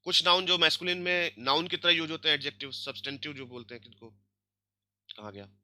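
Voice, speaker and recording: Bright-voiced man teaching grammar. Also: fairly high pitch, quick pace, no room sound. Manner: explains step by step, checks in with "ठीक है" and "है ना". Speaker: language teacher. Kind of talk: online grammar lesson.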